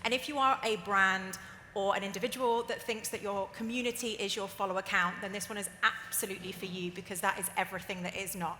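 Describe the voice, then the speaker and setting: A woman's voice: medium pitch, fairly even intonation, fast talker, pushed and bright, a little hiss or hum. A woman moderating a live conference panel in a hot, packed room. She talks in a chatty, candid and jokey way. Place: hot crowded conference hall. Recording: roomy hall with faint ambience.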